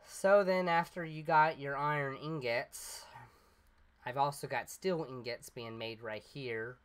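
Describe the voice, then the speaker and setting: This let's play host has a smooth, fairly bright mid-range voice, even in intonation and measured in pace. He casually comments on his gameplay, rambling and explaining step by step with fillers, and sounds mildly congested while recovering from illness.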